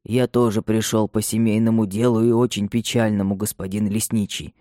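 Серьёзный управляющий имением почтительно и приглушённо рассказывает о несчастье, его читает мужчина. Голос тёмный и мягкий, запись сухая и близкая. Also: male voice, on the low side, level tone, a little fast, mellow, no room sound, clean studio sound, close to an everyday voice. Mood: grave. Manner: subdued, respectful. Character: grave male estate steward bearing bad news.

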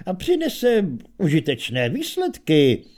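A curious inventor, voiced by a male reader, explains his ideas in a calm, conversational tone. He sounds self-assured and thoughtful, a storybook scholar. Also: high voice.

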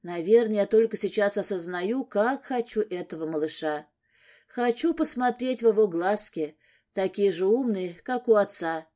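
A woman's voice: mid-range voice, normal speed, warm tone. A woman narrating a first-person audiobook story in an emotional, intimate way.

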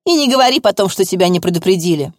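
A woman voicing a stern older female court assessor who bullies a witness in a shrill, pushy tone. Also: lively intonation, racing, no room sound, studio quality, lightly acted. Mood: bullying. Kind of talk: audiobook reading.

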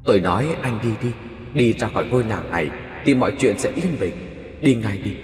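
A man voicing a menacing female ghost who hisses slowly through clenched teeth. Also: on the low side, animated, roomy sound, big-room sound, soft background music, lightly acted.

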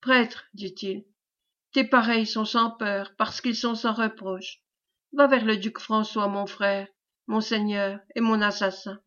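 A woman reading the lines of a dying, imprisoned young nobleman who refuses to forgive, in a slow, hushed, grave way. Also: medium pitch, steady tone. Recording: dull lo-fi recording.

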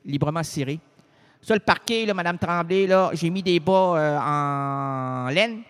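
A bumbling small-town police officer with a Quebec French accent, as a man puts him on in a comedy radio sketch. He rambles along in a high voice, tripping over words and twisting names as he goes. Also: measured pace, clear, resonant tone, lightly acted. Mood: goofy.

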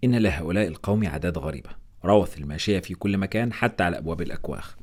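رجل يؤدي طبيبا أشقر فظا باردا. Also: male voice, low-pitched, racing, darkish tone, slightly rough. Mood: curt. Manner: curt, cold. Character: Anderson, a brusque blunt blond male expedition doctor.

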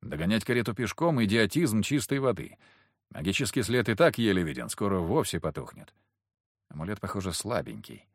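Brief: low, husky male narrator, clipped and wry, with an expressive lilt. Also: brisk, no room sound, clean studio sound. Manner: terse, wry, clipped sentences. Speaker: audiobook narrator. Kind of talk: first-person fantasy audiobook narration.

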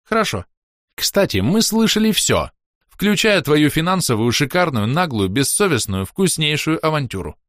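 A man voicing a woman baroness who gives crisp, demanding commands. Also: on the high side, very animated, moderate pace, fairly bright tone, no echo, clean studio sound, pitched above the performer's own voice. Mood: cool.

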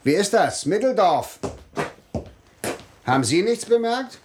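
Pompous small-town magistrate, blustery, voice jumps high and low a lot, old radio play. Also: male voice, sing-song, takes it slowly, noisy background, exaggerated voice. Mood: questioning. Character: pompous self-important male village magistrate. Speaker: village magistrate. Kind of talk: classic radio play acting.

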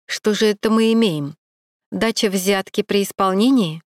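A woman's voice: mid-range voice, moderate pace, no room sound, studio quality, close to an everyday voice. A woman voicing a stern middle-aged police captain who questions coldly and with irony. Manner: cold, pressing, ironic.

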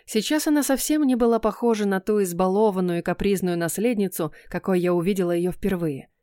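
Woman narrator, audiobook reading, expressive, close dry studio sound. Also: mid-range voice, a little fast, no echo. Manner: expressive first-person storytelling.

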